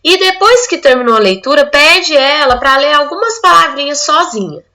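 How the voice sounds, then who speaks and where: High bright-voiced woman teacher. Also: animated, normal speed. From Brazil. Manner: explaining step by step, acting out the child's answers. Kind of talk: online literacy lesson.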